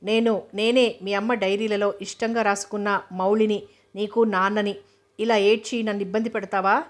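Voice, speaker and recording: A tender male doctor comforts a child in soft, consoling words. A woman storyteller voices him with a level, unvaried tone in this novel reading. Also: medium pitch, little pitch movement, moderate pace, natural voice.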